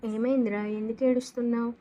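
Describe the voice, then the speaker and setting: A woman's voice: on the high side, flat delivery, fast, warm tone, close to an everyday voice, poor audio. A woman voicing a concerned older brother who earnestly explains and comforts.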